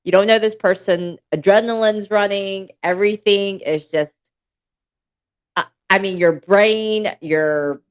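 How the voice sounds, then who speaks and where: A woman's voice: mid-range voice, a little slow, smooth. A woman co-hosting a podcast, thinking aloud and asking questions in casual chat. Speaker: podcast co-host.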